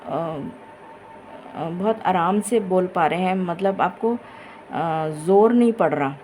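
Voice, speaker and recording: A woman giving a tarot reading in a slow, effortful way, tired and with a dry throat. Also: fairly low pitch, a little mellow, slight background noise, poor audio. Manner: slow, tired, effortful Hindi-English mix with many pauses. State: low energy, dry throat. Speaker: tarot reader. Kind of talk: casual tarot reading to camera.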